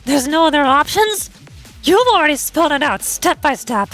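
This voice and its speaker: A woman's voice: high-pitched, animated, normal speed, fairly bright tone, faint music behind. A woman voicing a stubborn, hot-headed young tomboy girl in a tomboy voice, as amateur acting of a game story. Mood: defiant, urgent.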